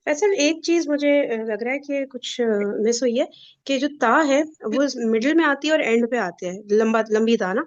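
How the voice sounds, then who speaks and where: A woman student in an online class raising a question about a point she thinks was missed. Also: high-pitched. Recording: dull lo-fi call audio.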